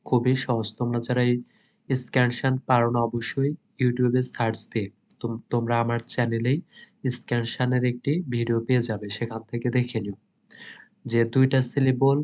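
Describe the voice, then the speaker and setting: Male Bangladeshi tutor, exam-prep lesson, level monotone delivery, English read out slowly then translated. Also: mid-range voice. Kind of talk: exam-prep lesson, reading notes aloud.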